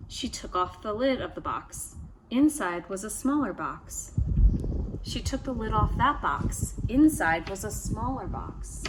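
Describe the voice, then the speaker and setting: A woman with a mid-pitched voice tells a trickster tale from a picture book. She reads it as a storyteller to young listeners, pausing to ask questions and wonder aloud. A faint ambient noise sits behind her voice. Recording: steady background ambient noise.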